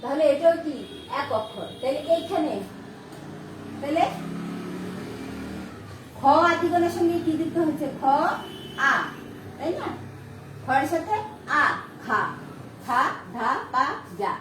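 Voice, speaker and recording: Female teacher, high voice, repetitive questioning style, distant mic in an echoey room. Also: slow, long pauses, noisy background. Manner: repeats and asks rhetorical questions. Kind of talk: online grammar lesson.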